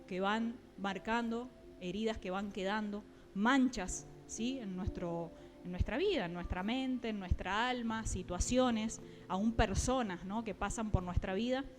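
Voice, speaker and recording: A woman preaching a sermon, often pausing with fillers and checking in with her listeners. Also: medium pitch, faint music behind. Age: adult, mother.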